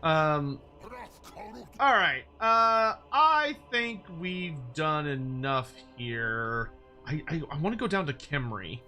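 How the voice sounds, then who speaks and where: A man's voice: a little high, lively intonation, takes it slowly, sharp tone. A man giving casual, playful game commentary with wry asides, as a streamer talking to viewers. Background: music behind the voice.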